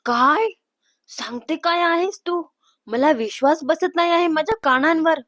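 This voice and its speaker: A woman voicing an excitable, prying young woman who teases her elder sister, in a storybook reading. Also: high voice, moderate pace, no room sound, clean studio sound. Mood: shocked. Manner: eager, prying, playfully apologetic.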